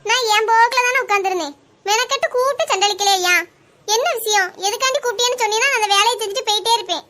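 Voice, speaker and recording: A woman's voice: extremely high pitch, fast, pushed and bright. A woman voicing a defiant young daughter-in-law in a cartoon, with a Kanyakumari Tamil accent and curt, exasperated retorts. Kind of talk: cartoon voice acting.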